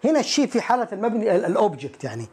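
Very animated and high-sitting in pitch, with a darkish tone, a man teaches English grammar, reading each example slowly before translating it. He raises the questions learners might have and answers them on his own.

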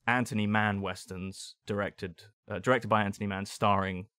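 A man with a low voice talks through a film in a loose, rambling podcast chat, sinking quieter whenever he goes off on a side thought. The sound is dry and close. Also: flat delivery, normal speed, no room sound. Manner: rambling, drops voice low on asides. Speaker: podcast co-host. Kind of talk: casual film discussion.

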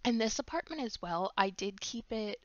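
A young woman talks over her gameplay in a loose, chatty way, with frequent ums, likes and trailing thoughts. Her voice is a little stuffed up from a cold. The recording sounds slightly dull and lo-fi, with her pitch sitting in an ordinary middle range. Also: animated, moderate pace, no echo. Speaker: gaming YouTuber. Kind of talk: casual voice-over commentary.

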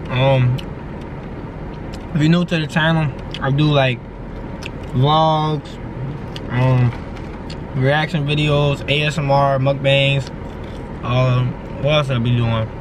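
A man's voice: medium pitch, fairly even intonation, slow, pauses often. Young man chewing while chatting in car. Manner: loose slang-heavy talk to viewers, fillers. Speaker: YouTuber. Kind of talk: casual mukbang vlog chat. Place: parked car. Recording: noisy car interior with AC hum.

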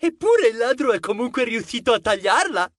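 A man voicing a boastful, excitable male mouse sidekick who talks eagerly. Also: very high-pitched, a little fast, no echo, studio quality, pitched above the performer's own voice, exaggerated voice.

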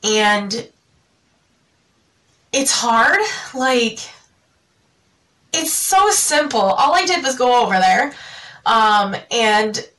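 A young woman speaks to camera in a confessional vlog, her voice sitting a little high and tearful. She talks haltingly, with plenty of fillers and restarts, and sounds jittery. The mic is set a bit away from her. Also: expressive, fairly bright tone, distant mic, poor audio. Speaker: vlogger.

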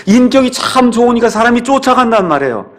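A man's voice: extremely high pitch, big pitch swings, quick pace. A man preaching a sermon as pastor, emphatic and repetitive, with rhetorical questions to his congregation. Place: church sanctuary.

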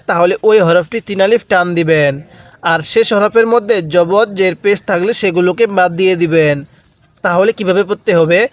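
High-voiced man teaching Quran recitation. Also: no room sound. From Bangladesh. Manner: slow drawn-out chanting of verses between brisk explanations; asks the viewer questions and has them repeat after him. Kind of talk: recitation lesson.

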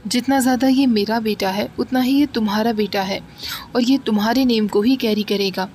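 A woman voicing a calm, devoted young man who speaks quietly and sincerely in a storybook reading. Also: on the high side, normal speed, soft background music, lightly acted. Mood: earnest.

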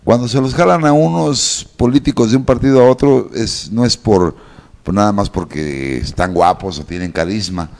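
A man with a low voice and a Mexican accent hosts a live talk show. He announces like a ringmaster and chats casually, speaking into a handheld microphone. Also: normal speed, vocal fry, a little mellow. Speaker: radio show host and clown. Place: office-like room, seated at a table.

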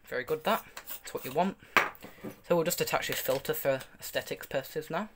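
Higher-voiced young man, rambling casually. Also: a little fast, heavy background noise. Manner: rambling, self-correcting, hands-on demonstrating. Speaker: hobbyist video reviewer. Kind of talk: casual unscripted product review.

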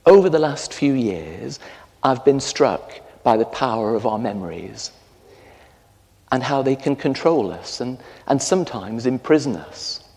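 A middle-aged Englishman preaches a sermon in a large stone church, telling stories with animated gestures. His voice sits at an ordinary male pitch. The sound rings with the long reverb of the church, picked up from a stand mic some distance away. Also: measured pace. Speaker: parish priest.

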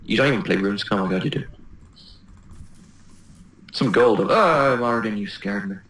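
A Welsh man joking excitably as a let's play co-host. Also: fairly low pitch, moderate pace. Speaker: gamer co-host. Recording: roomy echo.

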